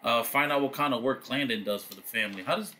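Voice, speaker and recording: A man's voice: medium pitch, fast talker, bright, forceful tone. A man hosting a let's play, thinking aloud in slangy, rambling, casual commentary. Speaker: gamer, let's play host.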